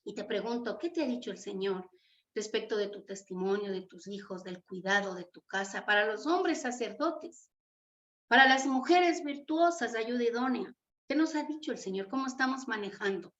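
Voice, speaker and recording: A woman from Ecuador with an Ecuadorian Spanish accent, preaching a sermon in an animated way and often asking the listeners questions. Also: on the high side, normal speed. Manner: animated, asks the audience questions, tags "¿cierto?". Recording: echoey room, dull lo-fi sound.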